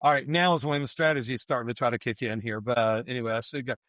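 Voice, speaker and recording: A man who is a guest on a casual podcast, chatty and quick to laugh, often poking fun at himself. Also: mid-range voice, fairly even intonation, a bit bright, no room sound, clean studio sound.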